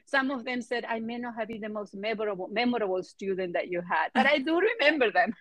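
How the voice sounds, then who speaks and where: A middle-aged biotech executive with an Argentine accent, whose first language is Spanish, answers interview questions conversationally. Her voice is on the high side and animated, and she speaks in halting phrases, often repeating words.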